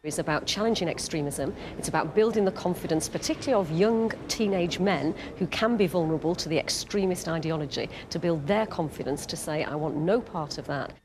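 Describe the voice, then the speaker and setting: A woman's voice: deep voice, fairly quick, hardly any pauses, background noise. A woman giving a formal, emphatic official statement in an interview.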